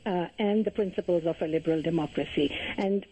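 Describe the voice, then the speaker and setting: An older woman from Pakistan, a guest calling in to a radio talk show, speaking earnestly and in measured phrases with frequent pauses. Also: lowish voice, mellow, slight background noise. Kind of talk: phone-in radio interview. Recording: muffled phone line.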